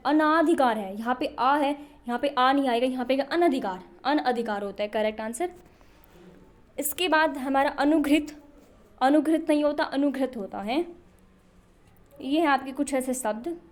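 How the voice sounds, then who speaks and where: A young woman teaching a Hindi spelling lesson for exam preparation, asking questions and answering them herself. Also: sits high. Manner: repetitive questioning, answers her own questions.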